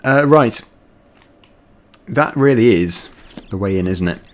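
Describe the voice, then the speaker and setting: A man's voice: fairly low pitch, lively intonation, slow pace. A man giving chatty, rambling commentary while playing a video game. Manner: chatty, rambling, laughs easily. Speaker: let's play gamer. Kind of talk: casual gameplay commentary.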